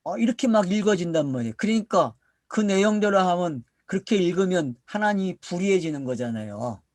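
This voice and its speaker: A middle-aged man from South Korea preaches to his congregation with a fairly high, very animated voice that swings widely in pitch. He poses questions and answers them himself, drawing out key words for emphasis. The recording is dry and close. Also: fairly quick, no echo. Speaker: pastor. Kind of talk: sermon, Bible teaching to a congregation.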